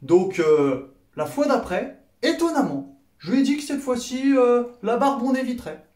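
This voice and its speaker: Young French male comic vlogger, wide-ranging high voice, sarcastic, reverberant room. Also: normal speed. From France. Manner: sarcastic, animated, acts out dialogue. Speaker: comedy vlogger. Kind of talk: comedic storytelling monologue.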